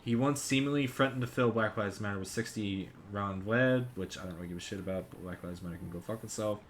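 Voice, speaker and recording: A man's voice: fairly low pitch, fast talker, a little hiss or hum. A man co-hosting a casual podcast, rambling and swearing while reading news articles aloud. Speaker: podcast co-host.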